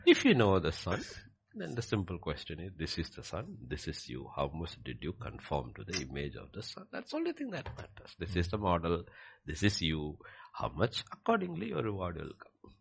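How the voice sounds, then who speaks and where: A man's voice: deep voice, wildly swooping pitch, brisk, creaky, husky. A man with an Indian accent preaching as a pastor in an emphatic, repetitive, conversational way with rhetorical questions.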